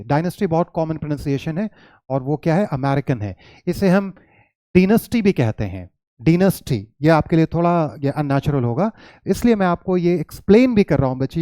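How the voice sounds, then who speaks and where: Indian man, english teacher, fairly high voice, mellow tone, repeats words slowly, dry close sound. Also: no room sound. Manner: patient, repeats words slowly to model pronunciation; mixes Hindi with English words and phrases. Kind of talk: classroom lesson explanation.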